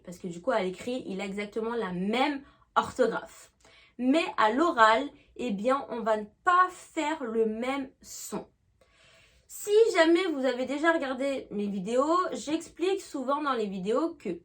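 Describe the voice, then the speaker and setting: A woman giving an online English lesson, explaining patiently and checking often that the listener follows. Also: high-pitched. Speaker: English teacher.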